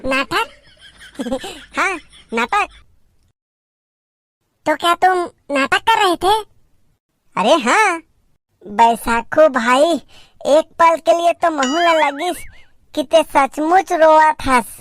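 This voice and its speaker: A woman's voice: sits high, fairly bright tone, no echo. A woman voicing playful village children in a cartoon, speaking with a Chhattisgarhi accent in teasing, giggly banter. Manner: teasing, giggly, quick back-and-forth banter. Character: playful bickering village kids staging a doll wedding. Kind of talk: cartoon comedy voice acting.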